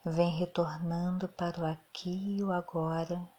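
A woman guides a meditation at an unhurried, drawn-out pace, her voice soft and soothing. She sits a little low in pitch and often drops into breathy half-whispers. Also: flat delivery.

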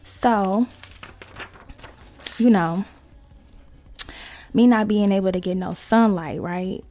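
A woman hosting a casual solo podcast, talking to listeners in slangy, sweary asides with creaky vocal fry. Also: mid-range voice, slow, mellow, slight background noise. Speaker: podcast host.

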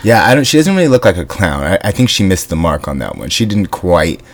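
A man's voice: deep voice, sing-song, brisk. A man co-hosting a comedic podcast from inside a closet, trading dry, sardonic comebacks. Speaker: podcast co-host. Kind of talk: casual comedic chat.

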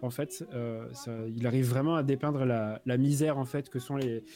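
A man's voice: mid-range voice, normal speed, dark tone, faint music behind. Rambling French man reviewing a comic. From France. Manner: rambling, many fillers and restarts. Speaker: book columnist on a live stream. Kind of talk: casual joking chat.

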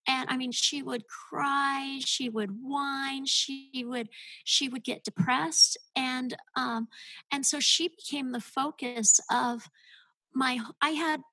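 A woman's voice: sits high, fairly even intonation, takes it slowly, bright, forceful tone, no echo, poor audio. A woman guest on a podcast, telling her story as a homeschooling mother in an earnest, heartfelt way. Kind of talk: casual podcast interview.

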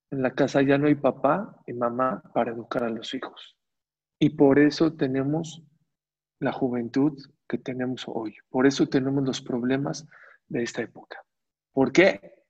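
A man's voice: medium pitch, darkish tone, slightly rough. A man giving a religious lecture, asking his audience rhetorical questions and repeating phrases for emphasis. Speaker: Torah teacher. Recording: dull, slightly muffled recording.

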